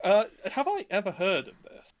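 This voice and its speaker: A woman's voice: medium pitch, huge pitch swings, normal speed, pitched below the performer's own voice. A woman voicing a hapless, forgetful koi fish in a tabletop game, exclaiming and wailing melodramatically. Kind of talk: tabletop role-play.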